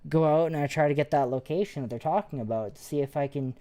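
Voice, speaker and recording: A woman's voice: deep voice, quick pace, mellow. A woman, a paranormal investigator, chatting casually and rambling with restarts while live-streaming.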